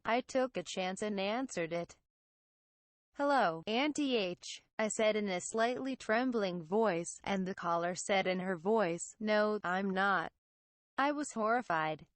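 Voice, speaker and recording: A woman reading a translated horror story as narrator in an even, measured way. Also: medium pitch, dry recording.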